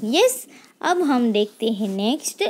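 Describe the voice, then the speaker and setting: A woman with a high voice gives a children's spelling lesson at a very slow pace. She spells each word letter by letter and asks questions that she then answers herself. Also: big pitch swings, a little mellow, a little hiss or hum. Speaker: teacher.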